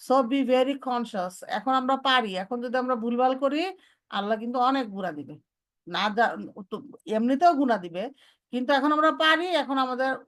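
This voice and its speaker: Woman drilling letter sounds, slow and clear. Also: high voice. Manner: drills letter sounds slowly, switches to English phrases. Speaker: Quran recitation teacher. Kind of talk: online tajweed lesson.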